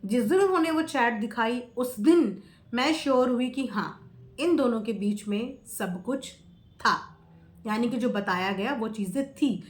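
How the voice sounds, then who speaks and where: A reaction video creator offers casual, opinionated commentary to viewers, emphatic and prone to repeating phrases and posing rhetorical questions. Her voice is a little high, animated and unhurried, with an echoey, roomy sound.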